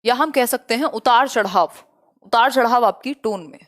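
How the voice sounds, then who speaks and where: A young woman teaching an online exam-prep lecture, brisk and chatty, mixing in English terms. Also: fairly high pitch, fairly bright tone.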